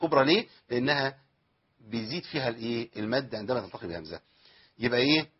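The audio is dull as a man with an Egyptian Arabic accent delivers an animated tajweed lesson at a quick pace, his mid-range voice carrying a breathy edge. He poses questions on Quran recitation rules, answers them himself, and stretches out the verses he recites.

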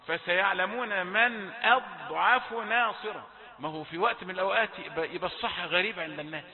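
A man with an Egyptian accent teaching Quran recitation rules, chanting verses slowly and then correcting pronunciation in quick colloquial asides. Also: sits high, in a large hall, narrow, tinny audio. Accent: Egyptian Arabic. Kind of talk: tajweed lesson, chanted recitation and spoken correction.

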